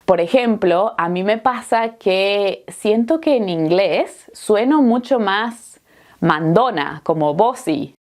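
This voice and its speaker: A woman's voice: mid-range voice, expressive, takes it slowly. A woman from Argentina with an Argentine accent, giving a friendly, encouraging Spanish lesson with a chatty manner and frequent fillers. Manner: chatty, encouraging, laughs easily, many "eh" fillers. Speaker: Spanish teacher.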